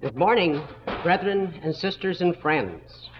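A man teaching a Bible school lesson in a slow, deliberate way, stopping to spell out words letter by letter, heard on an old 1960s tape recording. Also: high-pitched, lively intonation, muffled recording, a little hiss or hum.

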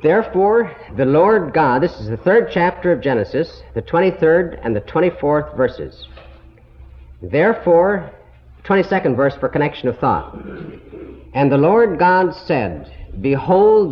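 A man's voice: a little high, very animated. Man teaching scripture on an old recording. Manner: slow, deliberate, explanatory teaching. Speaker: Bible teacher. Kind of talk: Bible lesson to a congregation. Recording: dull, muffled old tape recording.

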